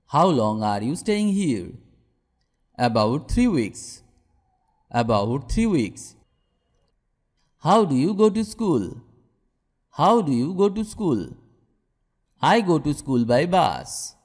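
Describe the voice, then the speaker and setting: A man's voice: a little high, big pitch swings, slow pace, long pauses, darkish tone. A man teaching English by reading short questions and answers, saying each phrase twice. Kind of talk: repeated phrase drills. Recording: long hall reverb.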